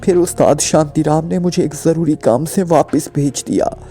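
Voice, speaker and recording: A man's voice: fairly high pitch, moderate pace, mellow, soft background music, voice pushed up, close to an everyday voice. A man voicing a terrified male thug who stammers and pleads in panic. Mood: frantic pleading.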